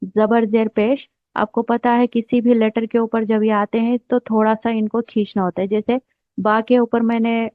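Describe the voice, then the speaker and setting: A woman with a slightly high voice gives a slow, patient lesson, repeating each term as she writes it out. The sound is dry and tinny, like it came through a phone. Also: little pitch movement, no room sound. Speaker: Arabic teacher.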